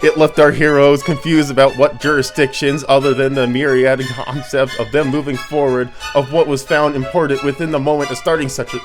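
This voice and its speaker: A man who is an author gives a theatrical, dramatic reading of his own comic prose, often breaking into stifled laughter. His voice is medium-pitched, level and slightly congested from his sinuses, and he reads briskly with few pauses while music plays in the background.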